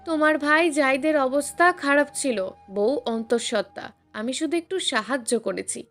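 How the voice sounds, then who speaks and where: A woman's voice: high-pitched, moderate pace, a bit bright, faint music behind. A woman voicing a harsh, scornful older mother who speaks sharply and dismissively to her son.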